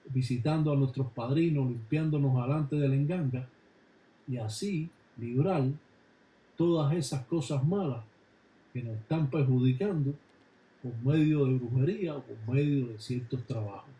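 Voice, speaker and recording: A man calmly explaining religious rituals in a measured, instructive way. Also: mid-range voice. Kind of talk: explanatory narration. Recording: echoey room with background noise.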